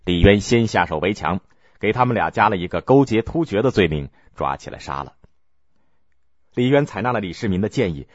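A man narrating a historical story in a measured, expressive way. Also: lowish voice, breathy edge, no echo. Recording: dull lo-fi recording.

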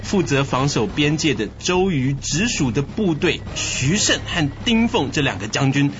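A man narrating a comic historical tale in crosstalk style, animated and playful. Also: on the high side, normal speed, highs cut off, noisy background. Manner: animated, playful, laughing between lines. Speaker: comic storyteller.

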